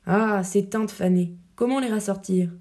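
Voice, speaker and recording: A woman's voice: mid-range voice, moderate pace, a little mellow, lightly acted. A woman voicing an affectionate noblewoman who chides lightly and fondly, reading verse drama. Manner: light, fond scolding. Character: noblewoman, affectionate, chiding, devoted widow.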